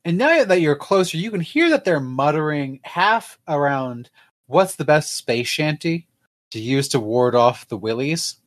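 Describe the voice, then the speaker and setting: Male game master narrating a tabletop game, wry and rambling, animated pitch, slow pace. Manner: rambling, wry, with many fillers.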